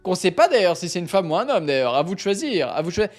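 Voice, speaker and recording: A man's voice: high-pitched, big pitch swings, quick pace, faint music behind. Playful chatty man hosting a live stream. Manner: playful, chatty, often laughing at his own reading. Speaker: livestream host. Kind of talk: casual live-stream chat and reading.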